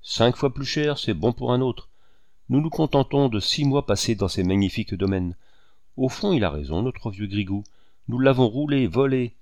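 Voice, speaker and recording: A man reading the lines of a cheerful, carefree male painter who talks in a lively, mocking way. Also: medium pitch, normal speed, no room sound, studio quality, lightly acted. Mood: gleeful.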